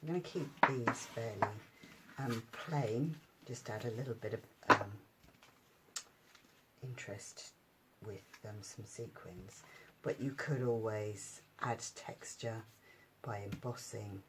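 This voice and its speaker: A woman demonstrating paper crafts at home, chatting in a relaxed way and thinking aloud with many ums. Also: very deep voice, takes it slowly, noisy background. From United Kingdom. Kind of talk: casual craft tutorial.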